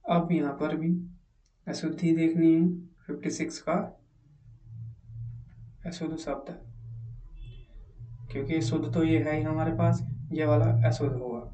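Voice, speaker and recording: A man's voice: fairly high pitch, steady tone, measured pace, pauses often, mellow, far from the mic. A man teaching as he solves an exam paper, reading each question aloud and then asking and answering it himself. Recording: echoey room, mic set back.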